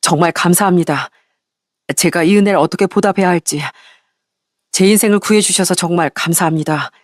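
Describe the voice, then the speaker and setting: A woman's voice: on the low side, fairly quick, no echo, clean studio sound, close to an everyday voice. A woman voicing a polite, grateful young man. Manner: polite, earnest, thankful.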